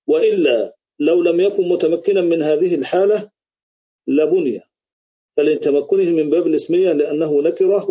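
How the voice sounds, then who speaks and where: On a video call, a man teaches an Arabic grammar lesson live, quizzing his students and restating each rule. His voice is on the high side, warm and husky. The audio sounds dull.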